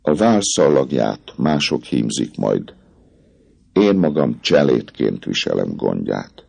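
A man's voice: very deep voice, sing-song, gravelly, darkish tone, husky, heavily acted. A man voicing a passionate young woman who pleads with the man she loves, in an impassioned, breathless way. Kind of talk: audiobook character voice.

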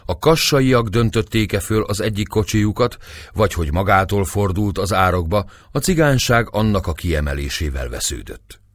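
A man narrates an audiobook in a very deep voice, telling the story in a measured way. His pitch is lively and animated, and the sound is dry and close. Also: dry recording. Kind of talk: audiobook narration of a historical novel.

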